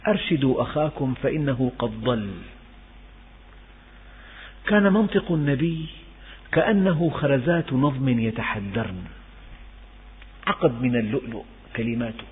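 Older preacher in an echoey hall. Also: male voice, medium pitch, a little hiss or hum. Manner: storytelling, mixes classical and colloquial Arabic, rises in emphasis. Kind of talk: religious lesson. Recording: echoey hall, phone-like tinny sound.

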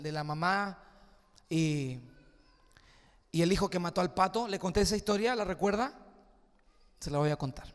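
A male pastor preaching a sermon, telling a story and acting out its voices, moving from hushed to shouting. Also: high voice, clear, resonant tone, big-room sound. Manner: acts out story voices, swings from soft to shouting.

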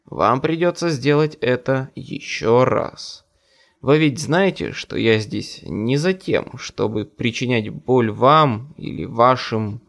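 A man's voice: medium pitch, vocal fry, exaggerated voice. Man voicing a grim cornered wizard.

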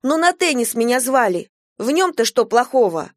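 A woman playing a shouting, defiant young girl. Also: fairly high pitch, sing-song, normal speed, no room sound, clean studio sound, pitched above the performer's own voice. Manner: wailing, shouting, indignant.

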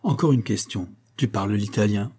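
A man voicing a jovial, theatrical male opera singer who speaks in a lively, expansive and commanding way. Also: on the low side, normal speed, lightly acted.

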